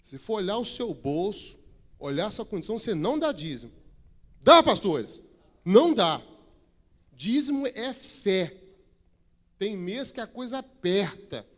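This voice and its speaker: A pastor addresses his congregation during a weekday church service. His man's voice sits a little high. He jokes with the people and turns emphatic when he preaches. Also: big pitch swings, moderate pace. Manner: chatty, joking with the congregation. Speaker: regional pastor.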